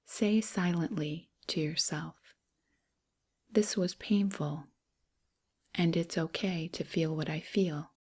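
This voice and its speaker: In a soft, breathy, hushed voice near a whisper, a woman leads a guided meditation at a very slow pace. She pitches low with fairly even intonation, speaking gently in short phrases separated by pauses.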